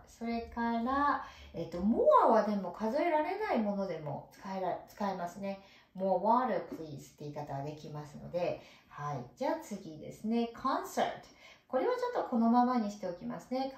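A woman's voice: mid-range voice, very animated, moderate pace. A woman teaching English, patiently explaining pronunciation and demonstrating each sound aloud for her students. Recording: echoey room, distant mic.

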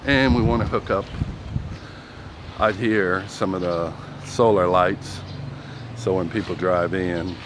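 A man casually narrating a walking tour of his property outdoors, rambling with fillers, filmed on a handheld phone. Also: low voice. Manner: rambling, conversational, fillers like "you know". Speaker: vlogger giving a property tour. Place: outdoors on a street and yard in the sun. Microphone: handheld phone camera. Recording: outdoor phone recording with clear background noise.

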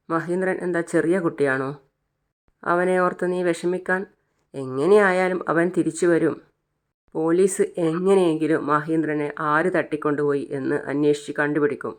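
A narrator reading a worried grandmother's lines in a flat, soothing voice while retelling a serial scene. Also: mid-range voice, close to an everyday voice.

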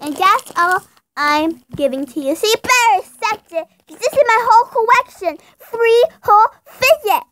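A woman's voice: very high voice, animated, normal speed, a bit bright, no room sound, clean studio sound, pitched above the performer's own voice. A young female performer voicing a shy six-year-old girl in a toy role-play video, using a baby voice and stammering with ums. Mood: insistent.

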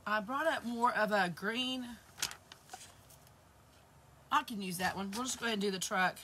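A craft channel host in her fifties greets viewers and chats during a live crafting stream, her hands busy with a project. Her hoarse, mid-range voice moves at normal speed and comes across pushed and bright. Slight background noise accompanies the audio from a camera facing her across the table in a shelved indoor craft room.

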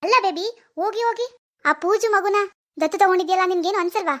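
Snobbish middle-aged mother in a cartoon, as a woman puts her on. She talks loud and high, and she scolds sharply in a condescending tone. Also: fast talker. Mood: scornful.

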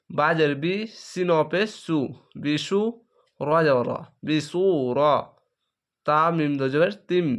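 A man teaching Quran reading, spelling each syllable aloud and then joining them, with drawn-out chanting of verses. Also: on the high side, fairly bright tone. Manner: drawn-out melodic recitation of verses. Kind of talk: slow letter-by-letter Quran spelling lesson.

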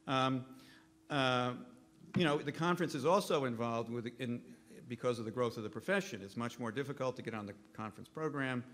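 A man's voice: medium pitch, a bit bright. A man in his fifties giving a conference keynote lecture from a podium microphone in a hotel ballroom, often stopping to correct himself. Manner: halting, self-correcting delivery. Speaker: keynote speaker.

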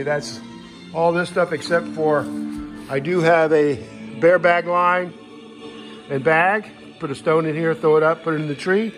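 In a home living room, a hiker holds a phone camera and talks from behind it, showing off his gear in a casual, unscripted way. His voice sits fairly high and slightly bright, and his delivery is folksy and matter-of-fact.

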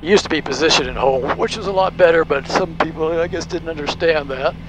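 A private pilot and video host, his voice fairly high and fairly quick, chats through his flight in a small cockpit, explaining as he goes and making radio calls. The aircraft engine hums steadily behind him.

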